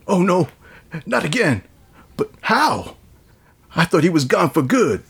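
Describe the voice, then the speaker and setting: A man voicing a jolly male boombox robot in a comic script table read, breaking into pop songs with a raspy voice. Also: wildly swooping pitch, normal speed, fairly bright tone, full character voice. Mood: alarmed.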